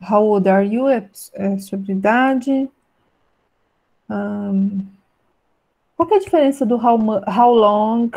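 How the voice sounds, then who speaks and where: Teacher, mellow voice, English examples. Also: female voice, mid-range voice. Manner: explains in Portuguese, reads English examples slowly and clearly; keeps checking in with "né?" and "tá?". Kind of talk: online class lesson.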